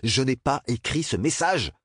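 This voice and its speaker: A man voicing a furious, shouting bully among boy cadets in an audiobook reading. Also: medium pitch, lively intonation, normal speed, breathy edge, no echo, clean studio sound, voice pushed up. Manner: shouting, outraged.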